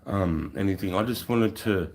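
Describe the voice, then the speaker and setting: A man's voice: deep voice, moderate pace, darkish tone. An Australian man chatting casually on a livestream in a blokey, sweary way full of mates and bros. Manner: blokey, frequent swearing and mate-bro slang. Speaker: livestreamer, former infantry soldier.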